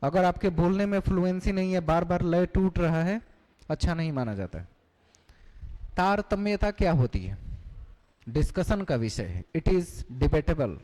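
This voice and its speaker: A man's voice: sits high, animated, normal speed, long pauses, dark tone. A male teacher giving a classroom lecture, explaining terms and putting questions to the class. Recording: long hall reverb.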